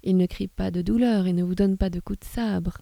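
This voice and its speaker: Woman doing a soft preachy storybook boy, calm and measured. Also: mid-range voice, gravelly, dry recording, natural voice. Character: gentle sententious boy.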